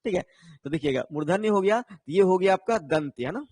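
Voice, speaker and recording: Man, teacher, exam-prep lesson, slightly high voice, dry close sound. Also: animated, brisk, darkish tone, slightly rough, dry recording. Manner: explains patiently, tags lines with "है ना", answers viewers' comments.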